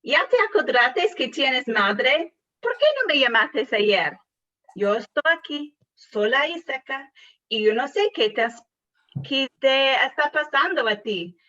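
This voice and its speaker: A woman's voice: high-pitched, animated, takes it slowly, pushed and bright, heavily acted. A woman reading the part of a worried, scolding mother calling her son in a scripted dialogue. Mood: nagging. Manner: scolding, nagging, full of complaints. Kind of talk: read-aloud scripted dialogue. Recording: far from mic, dull lo-fi sound.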